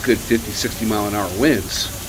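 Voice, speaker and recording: A man giving excited, awed live eyewitness commentary on a storm, as an amateur filming it. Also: lowish voice, a little fast. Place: garage doorway during a storm. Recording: raw outdoor video, loud storm noise. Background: loud rain, wind, thunder.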